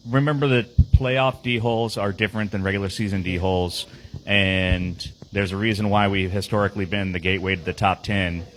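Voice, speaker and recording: A man's voice: deep voice, steady tone, a little fast, a little hiss or hum, poor audio. A man talking through his team's game on a casual podcast, rambling with lots of fillers and restarts. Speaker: team player on a podcast.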